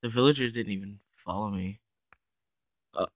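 A man's voice: lowish voice, normal speed, dry recording, highs cut off. A man giving playful, casual commentary over his own block-building game, narrating each move as he goes. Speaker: gaming YouTuber.

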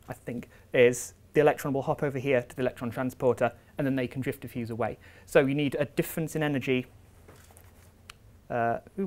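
A man's voice: medium pitch, a little mellow. Young man explaining slides, full of ums. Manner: explanatory, walks through slides with frequent ums and uhs. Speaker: visiting researcher giving a seminar. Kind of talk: academic seminar talk. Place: lecture room, indoors.

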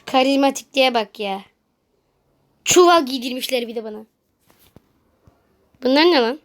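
A woman with a strikingly high voice talks through a video game in casual commentary. She is excitable, jumping between loud exclamations and quiet muttering, and often laughs at her own mistakes. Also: normal speed. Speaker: gaming video creator.

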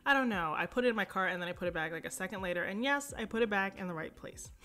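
A young woman talks through a home decor shopping trip in a relaxed, chatty way. Her tone is bright and forward, and it comes across clearly as she chats. She peppers her talk with fillers and quick asides. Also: medium pitch. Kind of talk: casual shop-with-me voice-over.

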